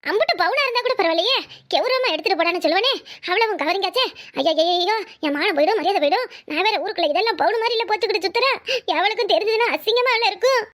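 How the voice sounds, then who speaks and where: Gossipy village neighbour, cartoon, very high pitch, rapid, jumpy. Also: female voice, fairly bright tone. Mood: frightened. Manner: chattering rural speech, shrieking when scared. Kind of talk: cartoon voice acting.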